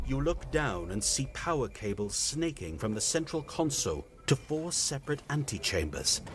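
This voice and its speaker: Low-voiced man reading a game story. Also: a little hiss or hum. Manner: expressive, storytelling delivery. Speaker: game narrator. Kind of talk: reading story text aloud.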